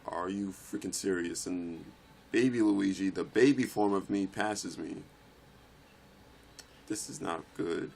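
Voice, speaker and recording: Low gravelly young man gaming. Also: slow pace, pauses often. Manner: swears and shouts in frustration at the game. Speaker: let's play gamer. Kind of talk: live gameplay commentary.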